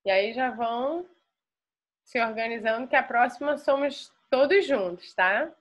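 A woman's voice: a little high, a little slow, dull audio. A Brazilian woman teacher explaining a lesson patiently to a class, often restarting her words. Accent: Brazilian Portuguese.

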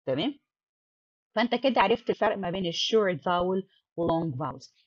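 A woman's voice: lowish voice, expressive, moderate pace, no echo, highs cut off. A woman teaching phonics, mixing English terms into her explanations and checking in with the learner often.

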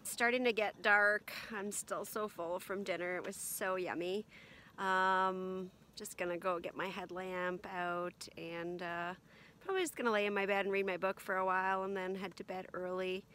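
A woman in her forties chatting casually to camera from inside a heated canvas tent, relaxed and rambling with lots of ums. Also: mid-range voice, normal speed, slight background noise. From Canada. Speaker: camping vlogger. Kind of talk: casual vlog chat. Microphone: camera at arm's length and on a stand.

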